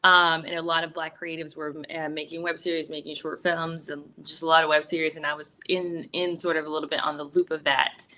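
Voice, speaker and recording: A woman's voice: low voice, flat delivery, fairly quick, few pauses, sharp tone. A woman from the Bay Area, an actress and filmmaker, chatting casually as an interview guest with lots of fillers and likes. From San Francisco Bay Area, US.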